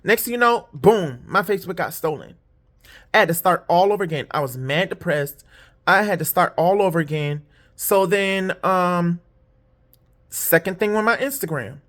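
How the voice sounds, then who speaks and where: A woman's voice: lively intonation, normal speed. Rambling, candid woman telling a story. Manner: rambling and candid, swears freely, repeats fillers; jumps high when quoting others. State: tired, yawning. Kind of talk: casual storytime monologue.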